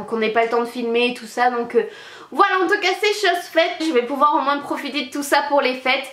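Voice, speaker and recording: A woman's voice: fairly high pitch, a bit bright. A woman from France, a beauty vlogger, talking in a casual, gushing and effusive way, addressing viewers and her friend. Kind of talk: excited casual vlog chat. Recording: echoey room, faint noise.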